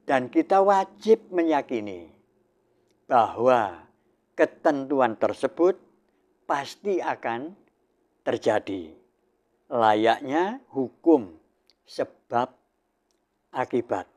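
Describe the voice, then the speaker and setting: An older man giving a spiritual sermon in a measured, solemn way, pausing between short phrases. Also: mid-range voice, big pitch swings, a little mellow. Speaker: spiritual teacher.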